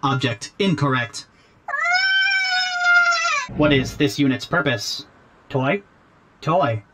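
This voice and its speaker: A performer voicing a literal-minded, demanding robot baby in a video game, speaking in a robot voice with flat, clipped machine phrasing. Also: medium pitch, slow, heavy background noise. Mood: deadpan robotic. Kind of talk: video game character dialogue.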